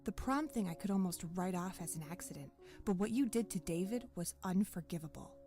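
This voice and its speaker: A man's voice: sits high, animated, a little fast, darkish tone, faint music behind, pitched above the performer's own voice. A man voicing a tough middle-aged mother who talks bluntly and swears. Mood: angry. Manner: blunt, cursing.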